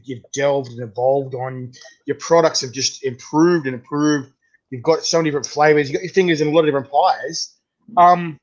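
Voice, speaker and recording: A man with a broad Australian accent hosting a casual interview, chatting in a matey, slangy way. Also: a little high. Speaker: host interviewing a guest. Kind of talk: casual chat. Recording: dull, lo-fi sound.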